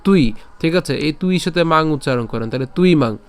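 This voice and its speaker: A man teaching scripture pronunciation, patiently breaking words into syllables and repeating them slowly. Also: on the high side, lively intonation, clean tone. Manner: chants verses slowly and louder. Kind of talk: pronunciation lesson.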